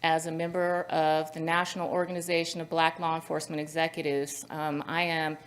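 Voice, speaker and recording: A woman's voice: low voice, level tone, a little fast. A woman moderating a conference panel, talking earnestly and telling a story, with frequent ums and uhs. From Central Valley, California. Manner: earnest, storytelling with many fillers.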